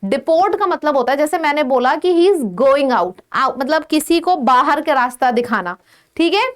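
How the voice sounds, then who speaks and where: A woman's voice: high voice, lively intonation. An Indian woman teaching English vocabulary for exams, mixing Hindi with English words and running through lists of synonyms. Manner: lists many synonyms in a row, checks in with "ठीक है"; mixes Hindi with English words, slows down to stress English phrases. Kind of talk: exam-prep vocabulary lesson.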